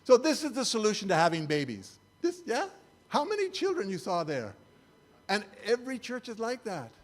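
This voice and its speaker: An older man with a high-pitched voice delivers a sermon-style talk while showing slides. His tone is wry and incredulous. He keeps it loose and conversational rather than preachy. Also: wildly swooping pitch, normal speed. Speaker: church speaker.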